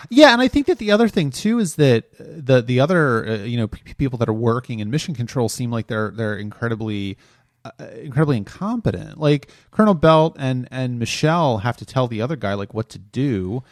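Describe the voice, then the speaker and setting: Male podcast co-host, animated critical chatter, stumbling restarts, dry close sound. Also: mid-range voice, a little fast, no room sound. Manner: animated, repeats words when restarting. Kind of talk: casual critical chat.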